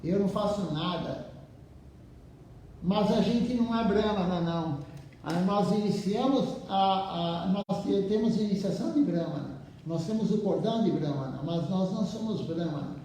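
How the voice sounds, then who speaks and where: High-voiced man in a very echoey temple. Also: expressive, dark tone, a little hiss or hum. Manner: slow, halting, repeats words. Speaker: temple speaker. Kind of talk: devotional talk with reading. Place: temple hall. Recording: very echoey room, far from mic.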